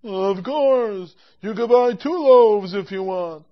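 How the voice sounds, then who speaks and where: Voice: mid-range voice, slow, natural voice. A performer playing an obliging small-town baker who keeps agreeing to every request. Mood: patient. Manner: agreeable, keeps saying no problem. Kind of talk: amateur comic storytelling skit. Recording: dull lo-fi recording.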